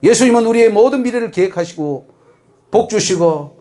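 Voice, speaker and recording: Animated high-voiced Gyeongsang pastor preaching. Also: male voice, a little fast. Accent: Gyeongsang Korean. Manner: emphatic, asks the congregation rhetorical questions. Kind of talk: sermon.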